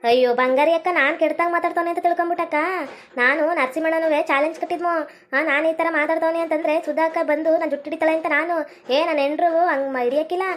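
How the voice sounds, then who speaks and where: Woman, scolding, quarrelsome, high voice, fast talk. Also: fairly even intonation. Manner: scolding, quarrelsome village banter. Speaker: comedy sketch creator. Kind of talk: comic sketch acting.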